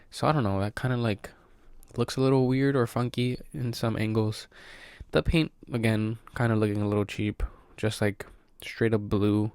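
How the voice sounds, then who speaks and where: A man's voice: fairly low pitch, a little mellow, dry recording. A man casually reviewing an action figure, sounding congested and breathing heavily from allergies, in a laid-back way with many fillers.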